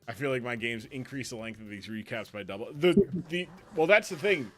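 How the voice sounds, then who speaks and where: A man hosting a live stream, commentating matches in a rambling, excitable way and laughing often. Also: medium pitch, fairly quick. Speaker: league commissioner and host.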